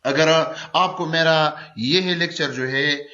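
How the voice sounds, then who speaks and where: A male teacher giving a recorded grammar lecture, slowly repeating each example word several times. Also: on the high side, sharp tone, lo-fi sound.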